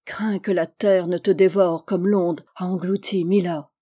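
A woman voicing a stern, grieving old male chief in a storybook reading, speaking gravely. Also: on the low side, fairly even intonation, unhurried, dark tone. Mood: solemn. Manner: solemn, grave speech.

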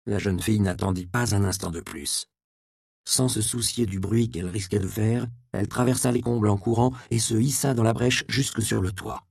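A man narrating a storybook in a measured, expressive reading. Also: fairly low pitch, creaky, no room sound, studio quality.

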